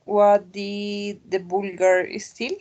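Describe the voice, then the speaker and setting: A woman student gives careful, tentative answers in class. She speaks very slowly and deliberately, at a mid pitch. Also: flat delivery, darkish tone.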